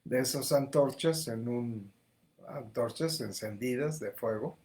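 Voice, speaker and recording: A male spiritual teacher delivers a livestreamed lesson at a very unhurried pace. His voice sits at an ordinary middle pitch, and he talks deliberately, circling back and repeating words as he builds each point. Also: a little mellow. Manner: slow, deliberate, with frequent repetitions.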